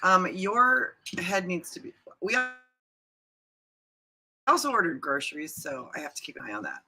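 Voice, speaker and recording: A woman's voice: fairly low pitch, sing-song, normal speed, low-quality recording. A woman co-hosting a casual livestream chat, giggly and playfully teasing. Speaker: co-host.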